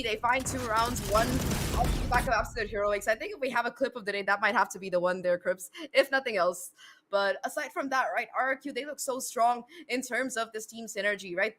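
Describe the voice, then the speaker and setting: A woman's voice: fairly high pitch, fairly bright tone, slight background noise. A woman esports caster giving live play-by-play commentary in a dramatic, vivid way.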